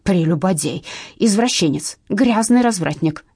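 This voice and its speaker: A woman voicing a furious middle-aged mother-in-law who shouts insults loudly and slowly. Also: fairly low pitch, lively intonation, slightly rough, no echo, clean studio sound. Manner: loud, slow, drawn-out shouting.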